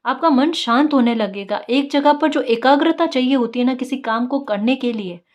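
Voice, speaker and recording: A woman with a slightly raised pitch talks her listeners through a tarot reading in an easy, conversational way. She coaxes and encourages them, keeps checking in with "right?", and repeats her main points to drive them home. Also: moderate pace. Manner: encouraging, repeats key phrases. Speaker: tarot reader. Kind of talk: casual spiritual guidance talk.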